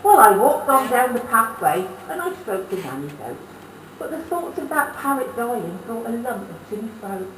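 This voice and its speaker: A woman's voice: fairly high pitch, sing-song, normal speed, a bit bright. A woman reciting comic verse on a social club stage, with a broad, theatrical delivery that slips into dialect. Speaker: stage performer. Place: social club stage, amateur variety show. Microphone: distant camera mic. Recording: echoey hall from far off, faint hiss.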